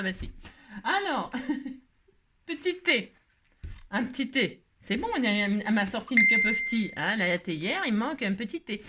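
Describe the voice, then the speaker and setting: A woman's voice: on the high side, a bit bright. A middle-aged woman chatting playfully while making crafts, rambling with jokes and little asides. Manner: playful rambling, jokes, laughs, hums snatches of song. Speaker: crafting vlogger. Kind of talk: chatty crafting tutorial talk.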